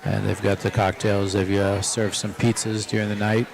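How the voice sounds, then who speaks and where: A man calls a pool match live from inside a pool hall, one table from the players. His voice sits low with a gravelly fry, and he explains each shot calmly, often repeating himself. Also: moderate pace. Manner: relaxed, explanatory, repeats phrases. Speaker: pool commentator. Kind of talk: live play-by-play commentary.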